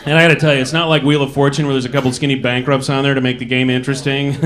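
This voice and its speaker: A man with an Upper Midwest American accent doing a stand-up routine on a comedy club stage, telling dry, wry stories with quick asides. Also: mid-range voice, little pitch movement, a bit bright.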